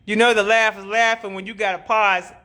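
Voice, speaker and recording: Brash, profane woman with a bright voice. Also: mid-range voice, a little fast. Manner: profane, joking and animated, repeats phrases, laughs often. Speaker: spiritual teacher on a livestream. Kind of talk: casual livestream talk answering comments.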